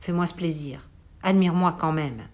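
A woman's voice: low-pitched, normal speed, darkish tone, muffled recording, close to an everyday voice. A woman reading aloud and voicing a vain, boastful man who talks in a pompous, self-satisfied way.

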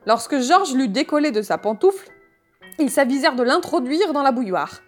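A woman with a fairly high voice narrates a comic novel in a measured, wry manner. Soft music plays faintly underneath. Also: lively intonation. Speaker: audiobook reader. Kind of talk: scripted narration.

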